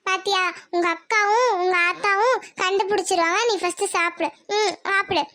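Performer as a kind young friend in a cartoon, squeaky high, dry close sound. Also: fairly even intonation, moderate pace, bright, forceful tone, dry recording. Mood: comforting. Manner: comforting, upbeat. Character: caring young girlfriend, cheerful.

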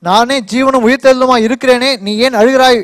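A man interpreting a sermon live, quickly and fluently rendering each phrase right after the preacher. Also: extremely high pitch, fairly even intonation.

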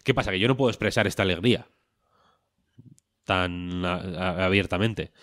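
A man's voice: sits low, moderate pace, a bit bright, no echo, studio quality. A man, co-hosting a podcast in casual chat, rambling and joking with a lot of swearing. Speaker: podcast co-host.

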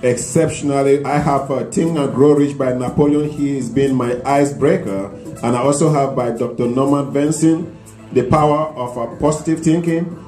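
A middle-aged man with a Cameroonian accent, a guest promoting his business in a studio interview, earnest and careful as he spells details out slowly into a handheld mic. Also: medium pitch, fairly even intonation, warm tone, echoey room, soft background music. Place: small studio set with couches.

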